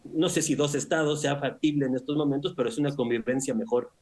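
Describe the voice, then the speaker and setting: Man, husky voice, middle pitch, news interview analyst, measured and analytical. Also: steady tone, darkish tone. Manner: measured, analytical, with frequent "o sea" and "¿no?". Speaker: analyst guest.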